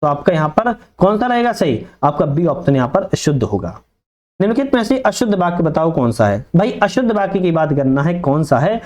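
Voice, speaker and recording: A man, a coaching teacher going through test answers, repeating each answer as a quick question and calling viewers brother. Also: high-pitched, darkish tone.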